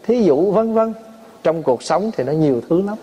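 Monk preaching in a fairly high voice. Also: male voice, expressive, normal speed, dark tone. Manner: storytelling, acts out family quarrels, laughs often. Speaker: Buddhist monk giving a dharma talk. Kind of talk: sermon.

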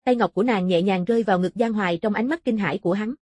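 Mellow, husky woman narrating an audiobook. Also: medium pitch, fast, no echo, studio quality. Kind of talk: scripted narration of a fantasy martial-arts novel.

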